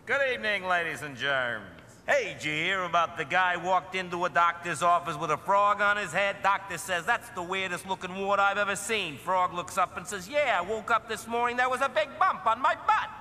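An actor voicing a manic, theatrical male clown supervillain in an animated series, giggling and swinging from purrs to shrieks. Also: sits high, normal speed, few pauses, slight background noise. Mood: hammy stand-up. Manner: giggling, sing-song, swings from purring to shrieking. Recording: loud cartoon soundtrack music under the voice. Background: orchestral score and sound effects.

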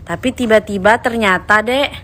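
A woman's voice: medium pitch, normal speed, a bit bright. A woman chatting playfully with small children in a casual home video. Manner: playful teasing talk to a baby. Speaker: family member filming children.

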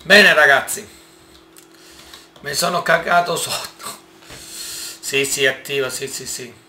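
A man giving casual gameplay commentary, excitable and exclaiming often as he talks to his viewers. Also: medium pitch, slow pace, reverberant, slight background noise. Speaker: gaming YouTuber.

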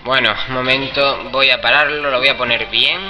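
A man's voice: mid-range voice, steady tone, moderate pace, bright, forceful tone, rough recording. A man with a Spain Spanish accent commenting on his gameplay with crude, joking remarks. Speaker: gamer. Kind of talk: let's play commentary. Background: video game music.

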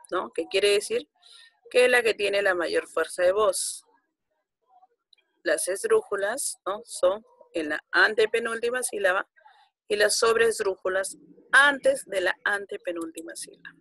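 A woman's voice: mid-range voice, vocal fry, a bit bright, no room sound. A woman teaching a grammar lesson to primary school children, patiently counting out syllables one by one.

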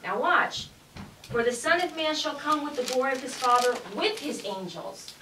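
Woman, Bible study member, earnest scripture reading, high voice, echoey room. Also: animated, moderate pace, background noise. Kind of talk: reading scripture aloud in group discussion. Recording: echoey room, distant mic.

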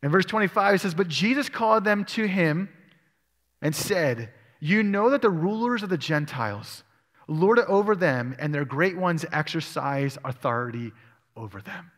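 Expressive and a little high, this male pastor's fairly bright voice moves at a moderate pace as he preaches. He reads scripture aloud and questions his congregation, all under the long reverb of a church sanctuary.

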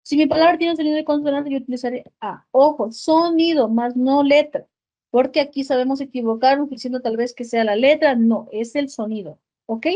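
A woman's voice: high voice, brisk, mellow, lo-fi sound. A woman with an Ecuadorian Spanish accent teaching an online English class, explaining in Spanish with English examples and often checking with "ok?".

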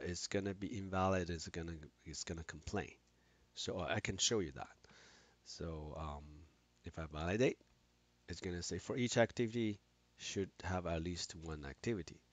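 Deep-voiced man giving a halting tutorial. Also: no room sound. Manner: halting, frequent restarts and fillers. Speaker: instructor. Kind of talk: screen-recorded software tutorial.

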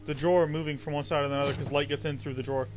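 A man's voice: fairly high pitch, little pitch movement, rapid-fire. A young man playing a horror game, making matter-of-fact remarks to his friends. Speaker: let's play player. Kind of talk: casual game commentary. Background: game music.

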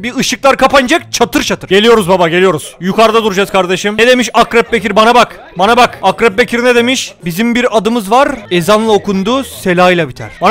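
Male gaming YouTuber, very high voice, loud slangy play-by-play over faint music. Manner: rowdy slangy banter with excited exclamations. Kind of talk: gameplay commentary.

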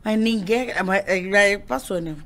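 A woman's voice: medium pitch, normal speed, fairly bright tone. A woman telling funny stories in a casual podcast chat, joking and laughing. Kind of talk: casual storytelling.

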